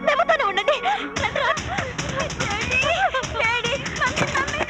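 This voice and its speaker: A woman's voice: extremely high pitch, measured pace, over loud music. An actress playing a bitter wife who scolds and mocks her husband sarcastically in a film drama. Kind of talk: film melodrama.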